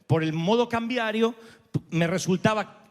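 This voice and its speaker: A man's voice: high-pitched, measured pace. A middle-aged Argentine man preaching a storytelling sermon, theatrical and joking as he acts out the people in his story. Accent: Argentine Spanish. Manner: animated and theatrical, acting out quotes and joking. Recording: long hall reverb.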